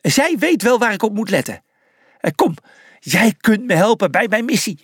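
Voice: medium pitch, big pitch swings, normal speed, slightly rough, dry recording, clean studio sound, pitched above the performer's own voice. A narrator voicing a cheerful, simple-minded young male zebra in a children's storybook, in an eager, snuffly way.

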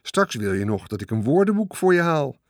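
A man's voice: mid-range voice, sing-song, fairly quick, no room sound, studio quality, pitched above the performer's own voice. A man voicing a grumpy, snappish male rat who sounds triumphant.

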